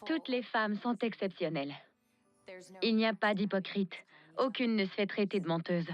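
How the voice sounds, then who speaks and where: A woman's voice: medium pitch, normal speed, lo-fi sound, soft background music, lightly acted. An actress playing a bitter young woman on a dating show in a dubbed TV drama, speaking with biting sarcasm. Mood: sarcastic.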